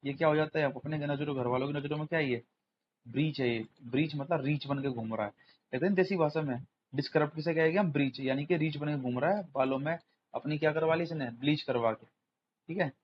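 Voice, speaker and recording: A man's voice: a little high, quick pace, lo-fi sound, a little hiss or hum. Chatty male exam tutor quizzing viewers. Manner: chatty, repetitive, quizzes the viewer with rhetorical questions. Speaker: exam tutor, channel host. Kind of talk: informal vocabulary lesson with mnemonics.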